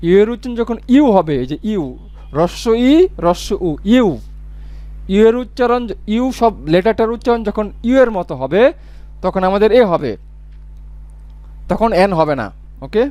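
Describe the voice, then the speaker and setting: A man with a high voice teaches an English grammar lesson. He repeats each example word several times and draws it out slowly. The recording is close and dry. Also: lively intonation, warm tone, no echo. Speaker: English tutor.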